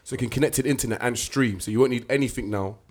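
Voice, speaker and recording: A man's voice: medium pitch, rapid-fire, husky. A young man with a London accent hosting a podcast, chatting casually and using plenty of street slang. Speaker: podcast host.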